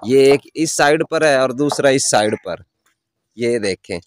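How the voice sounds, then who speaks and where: A man's voice: mid-range voice, expressive, a little slow, a little hiss or hum. A man making teasing offhand remarks off-camera in a casual home video.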